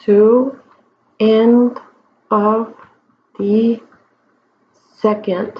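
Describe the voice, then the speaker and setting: In a dull, lo-fi recording, a Spanish teacher works through a grammar lesson on the whiteboard. Her slightly high voice is flat in delivery, and she moves slowly and deliberately, pausing frequently to check in.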